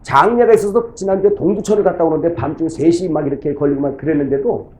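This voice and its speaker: A man's voice: fairly high pitch, quick pace, darkish tone, poor audio. A middle-aged man preaching a sermon as pastor, telling folksy stories and acting out his church members' voices.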